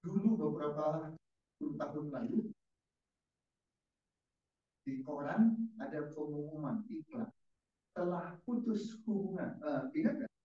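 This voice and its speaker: In an echoey church hall, a male pastor with a somewhat high voice delivers a casual, interactive sermon, quizzing his congregation with questions. He speaks a little slowly and leaves long pauses, picked up by a distant, dull mic during the service.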